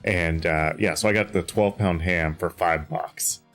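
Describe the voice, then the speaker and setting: A man with a very deep voice talks casually while streaming a game, sounding tired. His chat rambles along with plenty of fillers and restarts. Faint game music plays underneath. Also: fairly even intonation, measured pace, fairly bright tone.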